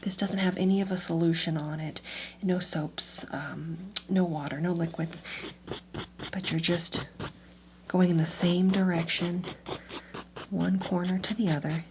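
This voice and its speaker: A woman doing an ASMR role-play as an antiques appraiser, giving gentle step-by-step instructions and softly repeating words. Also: lowish voice, steady tone, a little slow, long pauses, background noise.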